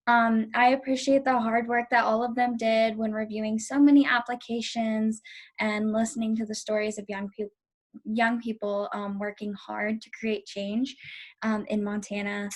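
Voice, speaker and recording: A woman co-hosting a virtual ceremony, casually thanking the committee and sponsors. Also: a little high. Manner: friendly, casual, grateful. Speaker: ceremony co-host and organizer. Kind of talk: thank-you remarks. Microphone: video call.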